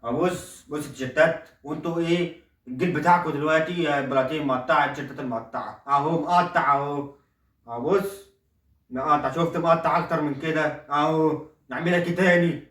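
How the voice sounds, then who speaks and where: A stingy middle-aged Egyptian dad, played by a man, brags nonstop in a quick, coaxing patter, voice pitched a little low. The sound is roomy and echoey, picked up from some distance off the mic. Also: a bit bright, close to an everyday voice. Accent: Egyptian Arabic. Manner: boastful, coaxing, keeps saying look. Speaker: father in a comedy sketch. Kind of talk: comedy sketch acting. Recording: roomy echo, voice far from the mic.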